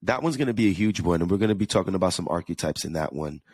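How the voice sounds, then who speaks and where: A man's voice: sits low, animated, very fast, a little mellow, slightly rough, no room sound. A man with a New York–New Jersey accent, hosting a casual solo podcast and talking earnestly, often repeating words as he goes. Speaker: podcast host.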